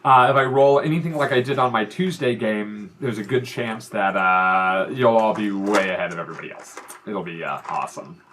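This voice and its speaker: A man's voice: lowish voice, brisk, fairly bright tone, slight background noise. A man running a tabletop game as game master, chatty and self-deprecating, with plenty of fillers.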